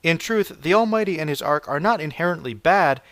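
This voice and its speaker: A man narrating a scripted video essay as a reviewer, with a measured, analytical delivery. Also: a little high, lively intonation, fairly bright tone, dry recording.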